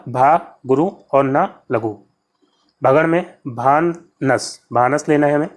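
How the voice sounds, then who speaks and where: A man teaching an exam-prep lesson, patiently explaining answers and repeating key terms as he addresses viewers as friends. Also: medium pitch. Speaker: Hindi exam tutor.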